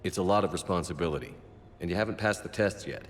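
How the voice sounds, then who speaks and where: A man voicing a calm, reserved military commander in a sci-fi video game, measured and understated. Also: deep voice, lightly acted. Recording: long reverb, faint background noise.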